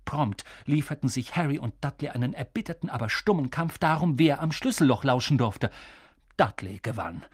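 An audiobook reader giving lively, expressive scripted narration. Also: medium pitch, normal speed, slightly rough, dry recording, clean studio sound.

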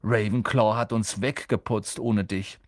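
A man voicing an excited, proud schoolboy friend in an audiobook. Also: fairly low pitch, unhurried, no echo, studio quality, close to an everyday voice. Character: young boy, cheeky school friend. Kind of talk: audiobook character voice.

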